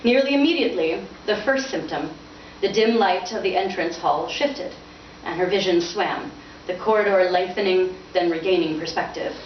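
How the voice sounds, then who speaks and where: A woman with a lowish voice speaks at normal speed with few pauses, reading dramatically from her own novel and chatting informally at a bookstore event. The muffled recording is roomy, distant, noisy, and bandlimited.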